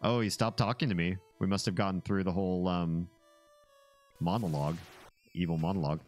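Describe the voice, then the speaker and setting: A man's voice: low-pitched, fairly even intonation, a little fast, faint music behind. A man giving casual gameplay commentary with wry, joking asides. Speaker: gamer playing and commenting.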